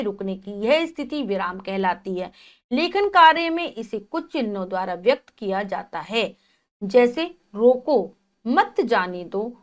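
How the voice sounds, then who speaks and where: A woman teacher giving a grammar lesson to children, reading the text aloud and then explaining it again in simpler words, slowing down to stress the example sentences. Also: on the high side, fairly bright tone.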